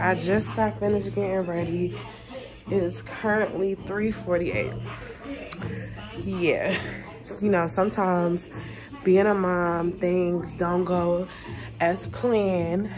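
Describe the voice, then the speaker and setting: A young Southern American mom vlogs casually into a phone held at arm's length, first in her car at a gas station and then in her home kitchen. Her voice is on the low side and slow, a bit stuffy-nosed, with music playing underneath. She comes across as chatty, laid-back, and slangy.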